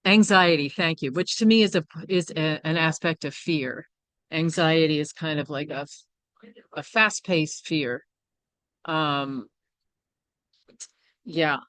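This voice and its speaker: A woman's voice: sits low, slow pace, pauses often, fairly bright tone, no room sound. A woman presenting a workshop, speaking candidly and reflectively, often checking in with her listeners. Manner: candid and reflective, with frequent "right?" and "you know". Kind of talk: personal teaching talk.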